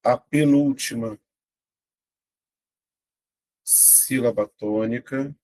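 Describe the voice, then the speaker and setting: A man's voice: medium pitch, very slow. A young adult man with a Brazilian Portuguese accent, teaching an online exam-prep grammar lesson and talking straight to his students. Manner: lively, talks to students directly with frequent "né?".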